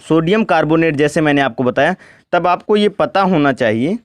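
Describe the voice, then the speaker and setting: A man teaching chemistry at a board, speaking slowly and asking questions he then answers himself. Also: on the high side, expressive, no echo, studio quality. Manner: asks questions and answers them himself, repeats "ठीक ना". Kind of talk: board lesson, step by step.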